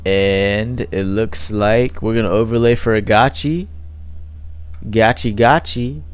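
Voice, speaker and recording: A man with a lowish, clear and resonant voice speaks slowly over soft background music. He gives casual play-by-play commentary on a card game match, thinking aloud with lots of fillers. Italian is not his first language.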